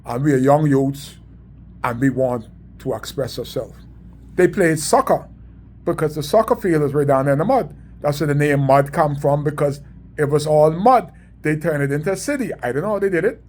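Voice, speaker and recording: Middle-aged Bahamian-accented man, somewhat high voice, storyteller who preaches and repeats for emphasis. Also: animated, moderate pace, a little mellow. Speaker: community sports organizer. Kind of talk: storytelling monologue.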